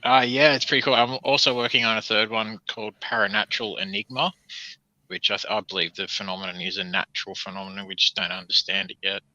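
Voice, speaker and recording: A man's voice: on the low side, level tone, fast, sharp tone, no echo. A man, talking casually with many fillers as a podcast guest. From Sydney, Australia. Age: 40s. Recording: dry, dull lo-fi line.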